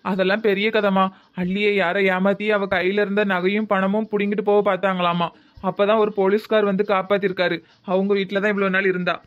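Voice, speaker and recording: A man's voice: sits high, flat delivery, a little fast, natural voice. A man voicing an eager, affectionate young village grandson in a cartoon, with a Tirunelveli Tamil accent. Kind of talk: cartoon voice acting. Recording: dull lo-fi audio.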